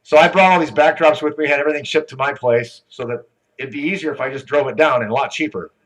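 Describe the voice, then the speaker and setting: A man's voice: a little high, fast, a bit bright, lo-fi sound. A man emceeing a conference on stage, telling rambling jokes before introducing the next speaker. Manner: joking, rambling storyteller.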